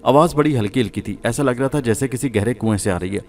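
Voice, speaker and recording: A man reading a suspense horror serial aloud as a storyteller, in a steady, measured way. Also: mid-range voice.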